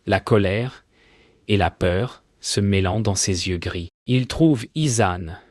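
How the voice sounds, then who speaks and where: A man narrating a fairy tale in a solemn, measured way. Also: on the low side, a little mellow, no echo, clean studio sound. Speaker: storyteller.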